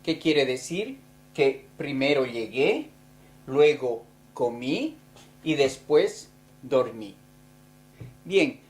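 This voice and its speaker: A woman explains grammar in an unhurried, careful lesson voice. Her voice sits a little low for a woman, and she lingers on each word as she sounds out the forms one by one. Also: a little mellow. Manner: slow, deliberate, spelling out verb forms. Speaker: Spanish teacher.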